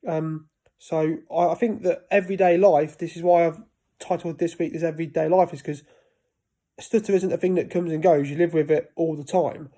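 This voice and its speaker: Casually addressing the camera, a thirtysomething vlogger describes life with a stutter, often breaking off mid-word to begin again. His mellow voice runs on the high side, steady in tone and at normal speed.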